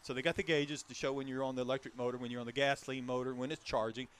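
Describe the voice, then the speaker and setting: A man's voice: mid-range voice, fairly even intonation, rapid-fire, fairly bright tone. A man hosting a casual car talk show, chatting in a rambling way with restarts about a vehicle he drove.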